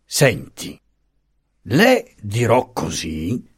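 A man's voice: wildly swooping pitch, exaggerated voice. Man voicing a placid old bachelor uncle. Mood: solemn. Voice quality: deep solemn booming voice, wheezy rasp. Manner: slow, unhurried, pausing to find words.

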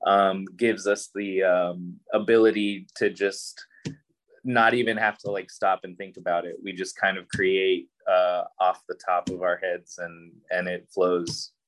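A man's voice: deep voice, measured pace. A man from Puerto Rico, a musician guest, talking loosely with many fillers over a video call. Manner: relaxed, rambling, many fillers.

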